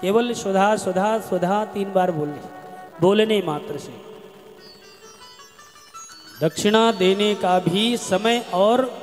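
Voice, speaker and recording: A katha preacher with a high, measured voice gives a devotional scripture discourse, singing Sanskrit verses melodically and then explaining them in slow speech. Long reverb from a large hall surrounds his voice, with soft music beneath.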